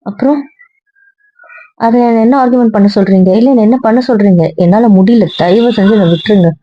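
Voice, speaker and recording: ஒரு பெண் நடிகை, தன்னை நியாயப்படுத்திப் பிடிவாதமாகப் பேசும் மனம் உடைந்த இளம் பெண்ணாக நடிக்கிறார். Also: female voice, mid-range voice, brisk, soft background music, close to an everyday voice. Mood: defiant. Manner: emotional, insistent, repetitive. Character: hurt young woman defending her refuge. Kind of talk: web serial monologue. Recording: dry dull lo-fi sound.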